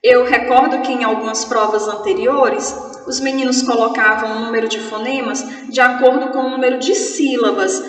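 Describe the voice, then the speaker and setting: A woman with a Brazilian Portuguese accent, teaching an online grammar class in a playful, chatty way and slowly spelling words out. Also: a little high, fairly even intonation, fairly bright tone, reverberant, long reverb tail, far from the mic.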